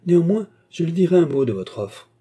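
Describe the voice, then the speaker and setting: A man reading aloud, voicing a cheerful, teasing male painter in a husky, dark voice. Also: on the high side, very animated, brisk, voice pushed up. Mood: amused. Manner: breezy, teasing.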